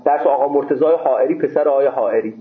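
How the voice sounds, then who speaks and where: A man, a seminary scholar, telling a lively story about his exam in a casual interview and acting out the dialogue. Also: medium pitch. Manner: lively retelling with quoted back-and-forth dialogue. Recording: tinny phone-like sound, echoey room.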